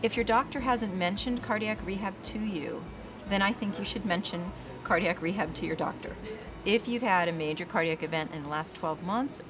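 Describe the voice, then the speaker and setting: Calm woman doctor, low voice. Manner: calm, explanatory, measured. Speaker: physician overseeing cardiac rehab. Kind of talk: documentary interview. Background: background music.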